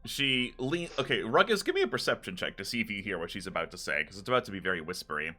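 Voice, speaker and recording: A man narrates a tabletop game as its game master, relaxed and prone to laughter. His voice is on the low side but very animated, with a bright tone. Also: quick pace, faint music behind.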